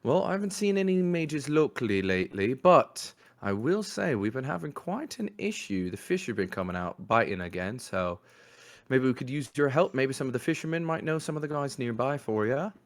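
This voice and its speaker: A man's voice: mid-range voice, sing-song, moderate pace. A man voicing a scrappy young street urchin boy who talks in a chatty, wheedling way with a put-on accent.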